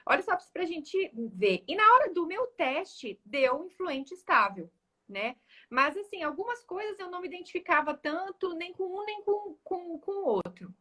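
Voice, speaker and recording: A woman in a casual live chat, talking in an animated, chatty way with many fillers. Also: very high-pitched, moderate pace. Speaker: guest speaker.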